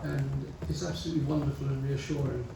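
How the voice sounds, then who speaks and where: A man's voice: medium pitch, level tone, fast, vocal fry. Enthusiastic man in a cavernous far-off hall. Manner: enthusiastic, rambling. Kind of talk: closing speech. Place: festival venue. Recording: very echoey hall from far off with noise.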